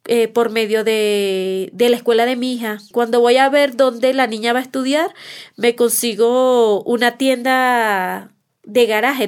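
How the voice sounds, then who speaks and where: A woman's voice: on the high side, smooth. A woman telling her own life story as a mother for a testimony podcast, heartfelt, repeating words for emphasis and acting out past conversations.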